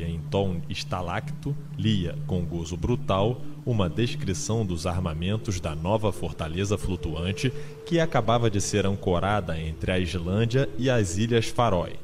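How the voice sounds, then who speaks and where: A man with a low voice narrates a literary audiobook in a dramatized style, taking his time. Behind him runs a noisy bed of ambient sound effects.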